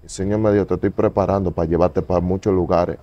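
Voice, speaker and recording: A man in an interview giving a fervent, repetitive testimony, moving between loud pleading and low murmurs. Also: fairly even intonation, fast talker, no echo, dull audio. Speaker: evangelist guest.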